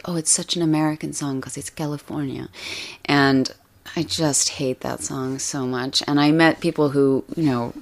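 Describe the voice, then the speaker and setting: A woman with an unusually low-pitched voice talks through an interview at her own pace. She hesitates a lot, trails off and restarts her thoughts, leaning on "you know" and "um" as she goes. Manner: hesitant, many fillers and restarts. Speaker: author guest. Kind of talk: casual interview chat.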